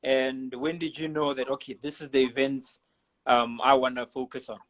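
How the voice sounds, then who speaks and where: A man hosting a casual live video chat, relaxed and chatty, laughing often. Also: mid-range voice, moderate pace, poor audio. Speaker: host. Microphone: video call.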